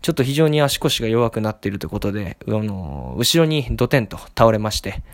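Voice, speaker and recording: A man's voice: fairly low pitch, very animated, fairly quick, dry recording, clean studio sound. A young man rambling wryly through a solo casual monologue as a podcast host, recorded in his home kitchen. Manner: rambling, wry, self-deprecating chatter.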